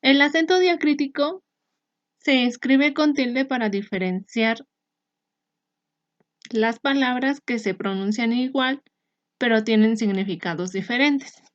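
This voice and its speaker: A woman teacher explaining a lesson in a clear, measured way, sometimes restarting a phrase. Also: a little high, no room sound. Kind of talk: recorded online lesson. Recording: dry, slightly muffled recording.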